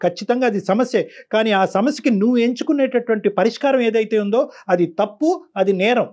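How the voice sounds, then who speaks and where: A man's voice: high voice, fairly quick, a little mellow. A man counseling a caller on a call-in show, stern and preachy, repeating phrases for emphasis. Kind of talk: lecturing advice to a caller.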